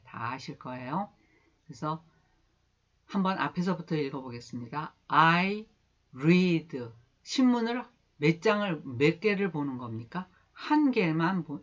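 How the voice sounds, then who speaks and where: A woman's voice: low voice, lively intonation. A woman teaching a beginner English lesson, asking the class questions and answering them herself as she drills each word's pronunciation. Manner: drills pronunciation slowly, word by word, inviting repetition. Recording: dull lo-fi lesson recording.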